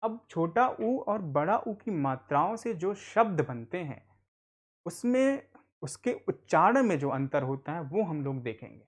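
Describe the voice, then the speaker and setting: A man's voice: on the high side, very animated, unhurried. Patient man teaching reading. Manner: patient, repetitive, asks and answers own questions. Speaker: adult literacy teacher. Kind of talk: online Hindi reading lesson.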